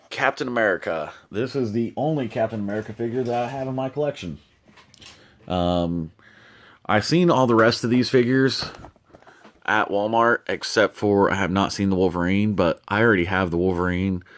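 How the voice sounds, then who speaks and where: Casual vlogger, man, lowish voice, loose and rambling, filler-heavy, filmed at home. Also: moderate pace, long pauses. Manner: relaxed, rambling with many fillers. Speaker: toy collector vlogger. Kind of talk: casual show-and-tell vlog. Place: home collection room.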